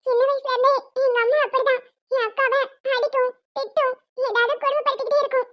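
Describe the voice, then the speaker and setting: Woman voicing a little cartoon boy, earnest, pleading, very high squeak, muffled lo-fi. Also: fairly even intonation, quick pace. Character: small loyal boy, defends his sister. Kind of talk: cartoon voice acting. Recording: dull lo-fi sound.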